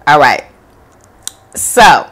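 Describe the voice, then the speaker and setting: Woman, mukbang host, giggly casual chat, very animated voice. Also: sits low, extremely slow. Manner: chatty, giggly, reads viewer comments aloud. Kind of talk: casual chat while eating on camera.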